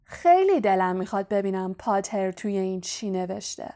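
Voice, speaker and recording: A woman's voice: medium pitch, very animated, warm tone, lightly acted. Woman doing a sneering schoolboy bully. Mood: mocking. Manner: mocking, sneering.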